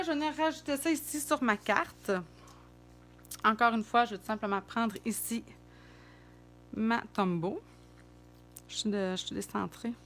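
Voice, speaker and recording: A middle-aged woman with a Québécois accent talks through a craft demo, chatty and thinking aloud as she works. Her voice sits a little high. Soft music plays behind her. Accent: Québécois French. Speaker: card-making demonstrator. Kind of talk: casual craft demonstration.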